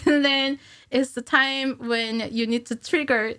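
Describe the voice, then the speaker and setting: In a small curtained podcast studio, a giggly cinematic animator in her thirties casually explains things as a guest, her hands moving animatedly. She speaks slowly in a high-pitched, clean voice, using a studio mic on a stand and wearing headphones.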